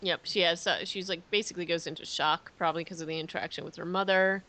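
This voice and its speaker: A woman's voice: lowish voice, steady tone, fast talker, bright, forceful tone. A woman co-hosting a podcast, casually recapping episodes and agreeing often. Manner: agreeable, brief backchannels and easy recaps. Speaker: podcast co-host. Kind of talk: casual chat.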